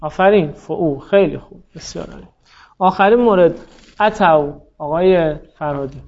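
A man's voice: on the high side, darkish tone, muffled recording. A man teaching Arabic grammar in a class, quizzing students by name and praising their answers patiently. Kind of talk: classroom lesson, drilling students.

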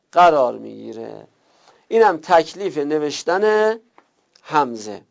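A man with a gravelly, somewhat high voice teaches a recorded lesson. He works through each point step by step and goes over his examples more than once. The recording sounds dull and lo-fi. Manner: explains step by step, repeating examples.

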